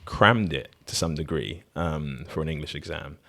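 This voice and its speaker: A man's voice: very deep voice, moderate pace, vocal fry, a bit bright. A man hosting a casual podcast conversation who rambles, corrects himself and laughs often.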